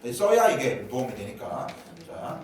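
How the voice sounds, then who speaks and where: A man's voice: mid-range voice, big pitch swings, a little slow, a little hiss or hum. A pastor in his fifties from Seoul, preaching a humorous, chatty sermon and mixing in a Gyeongsang dialect. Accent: Gyeongsang dialect mixed with Seoul speech. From Seoul, South Korea. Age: 50s. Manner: humorous, chatty, joking with the congregation. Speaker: guest pastor. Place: church sanctuary. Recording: very echoey church, from far off.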